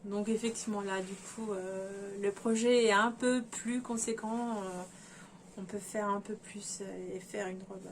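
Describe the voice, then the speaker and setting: Addressing her viewers directly, a woman casually discusses fabrics on her sewing vlog, thinking aloud and hesitating with many fillers. She speaks at a measured pace in a medium-pitched, steady tone over slight background noise.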